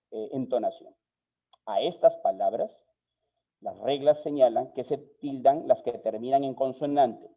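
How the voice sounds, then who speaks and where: A man with a Peruvian Spanish accent teaching a live online spelling lesson, measured and explanatory, asking viewers questions. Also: medium pitch. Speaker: online course instructor. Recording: slightly dull lo-fi audio.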